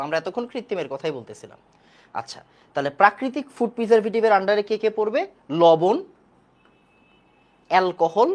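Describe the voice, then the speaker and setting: A woman teaching a chemistry class online, repeating key points and quizzing the class. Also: mid-range voice.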